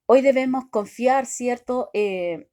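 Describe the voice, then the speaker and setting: A woman giving a devotional sermon, talking haltingly with many restarts and constant questions tagged to her listeners. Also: fairly high pitch, mellow. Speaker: preacher.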